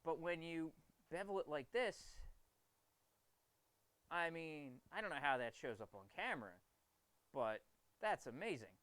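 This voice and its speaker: A man's voice: a little high, lively intonation, unhurried, long pauses, fairly bright tone, clear, resonant tone, dry recording. A man livestreaming from his basement forge, explaining knife grinding in an enthusiastic, rambling way. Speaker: streamer and knifemaker. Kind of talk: casual livestream talk while working.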